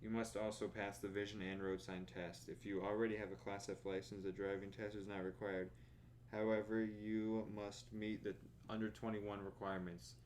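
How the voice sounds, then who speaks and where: A young man streaming from his bedroom, reading a driver's manual aloud in a plodding monotone with tired asides. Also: lowish voice, normal speed, a little hiss or hum. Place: bedroom at home.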